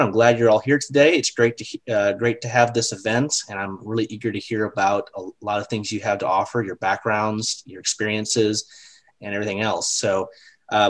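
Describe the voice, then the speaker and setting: A man's voice: on the low side, rough recording. A man hosting a podcast, opening the episode eagerly with small restarts. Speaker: podcast host. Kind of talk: casual podcast introduction.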